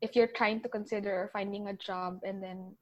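A young woman in her twenties with a Filipino accent, a guest giving chatty big-sister advice and often trailing off softly. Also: medium pitch, fairly even intonation, normal speed, muffled recording. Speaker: interview guest, older sister. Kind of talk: casual interview mixing English and Tagalog.

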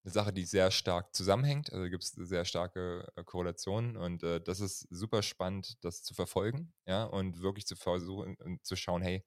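Deep-voiced relaxed German man. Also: normal speed, few pauses, no room sound, clean studio sound. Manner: relaxed, loose, peppers speech with "ja". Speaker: podcast guest, chiropractor. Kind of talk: casual interview talk.

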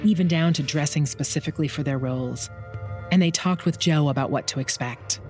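A woman narrating a true-crime documentary in a measured, scripted delivery. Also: sits low, a little mellow, soft background music. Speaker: podcast narrator.

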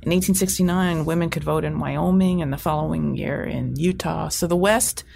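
A woman's voice: low-pitched, fairly even intonation, moderate pace, gravelly, a little mellow, slight background noise. A woman guest explaining history in a thoughtful conversational way, with restarts and fillers.

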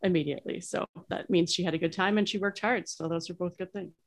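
A woman's voice: lowish voice, fairly even intonation, fast. A woman co-hosting a farm podcast with a casual, dry, sarcastic humor. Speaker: podcast co-host, dairy farmer. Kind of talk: casual chat.

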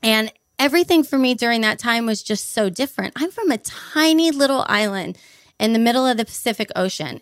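A young woman from Hawaii, a podcast guest, answers interview questions by telling her story with bright enthusiasm and piling up vivid details. Her voice is at an ordinary middle pitch, recorded close and dry with no room sound.

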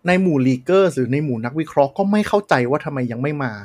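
A man's voice: fairly high pitch, expressive, fast talker, darkish tone, a little hiss or hum. A man co-hosting a casual tech podcast, explaining at length with many fillers. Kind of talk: casual chat.

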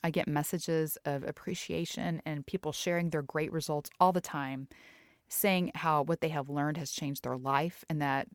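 A woman's voice: deep voice, fairly even intonation, moderate pace, no room sound, clean studio sound. A middle-aged woman hosting a faith-based health podcast, talking candidly and reflectively with casual fillers. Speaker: podcast host and health coach.

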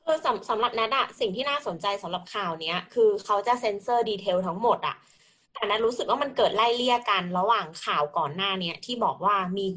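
A woman's voice: medium pitch, animated, fast, a bit bright. Chatty woman podcast host. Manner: chatty, thinking aloud with fillers. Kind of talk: casual chat.

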